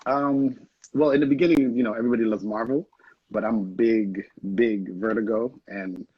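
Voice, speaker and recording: Husky and medium-pitched, the young Haitian filmmaker talks at a moderate pace with fairly even intonation, with no room sound. He rambles and laughs often in a casual interview heard over dull, lo-fi video call audio.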